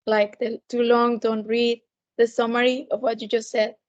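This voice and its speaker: A woman co-hosting a podcast in casual, halting conversation. Her voice sits on the high side and sounds thick from a sore, swollen throat. The recording is a little dull and lo-fi. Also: flat delivery. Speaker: podcast co-host. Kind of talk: casual chat.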